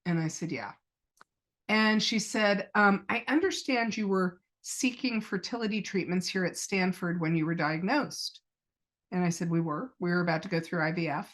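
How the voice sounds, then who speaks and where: A woman's voice: fairly low pitch, moderate pace, fairly bright tone. A middle-aged woman, a podcast guest, earnestly telling a personal story and retelling past conversations as quoted dialogue.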